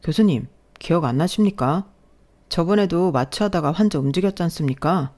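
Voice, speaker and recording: A woman's voice: fairly low pitch, a little fast, a little mellow, natural voice. A woman voicing an arrogant young male resident doctor who talks down in a mocking, bossy way.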